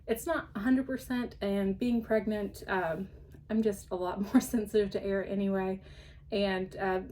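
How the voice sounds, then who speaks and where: A woman's voice: medium pitch, steady tone, unhurried, warm tone, a little hiss or hum. A woman hosting her podcast in a casual show-and-tell chat, rambling along with frequent ums and light laughs, slightly out of breath. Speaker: podcast host.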